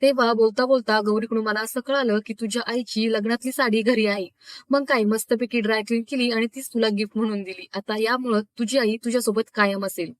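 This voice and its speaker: A woman's voice: fairly high pitch, steady tone, brisk, dry recording, natural voice. A woman voicing a young husband who is romantic and playful, sweet and teasing. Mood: gentle.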